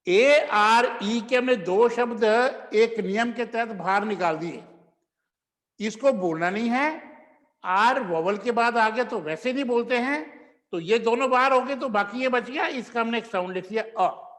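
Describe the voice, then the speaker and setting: A man, teaching pronunciation in a slow classroom lecture that stretches out the example words. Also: extremely high pitch, fairly bright tone, long reverb tail.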